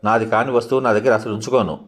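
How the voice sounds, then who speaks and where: A man's voice: lowish voice, fairly even intonation, fast talker, fairly bright tone, lightly acted. A man voicing a blunt, complaining young daughter in a read-aloud novel. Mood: petulant. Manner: petulant, complaining.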